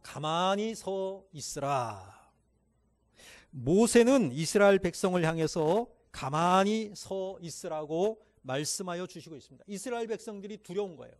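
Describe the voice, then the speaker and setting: High-voiced preacher reading scripture. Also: male voice. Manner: leads the congregation in reading scripture aloud; loud, slow emphatic scripture reading, dropping to quiet asides. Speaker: pastor. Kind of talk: sermon.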